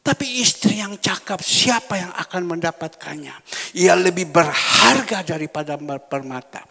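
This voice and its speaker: A man preaching a sermon as pastor, swinging from loud exhortation to hushed, whispery storytelling, with a gravelly voice. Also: high voice, expressive, normal speed. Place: large church hall. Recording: church hall reverb.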